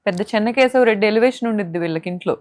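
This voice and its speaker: Speaking rapid-fire in a darkish, mid-range voice, this young interview guest from Andhra Pradesh, India, delivers emotional testimony. Her indignation is impassioned and her rhetorical questions pointed, captured with studio quality and no room sound.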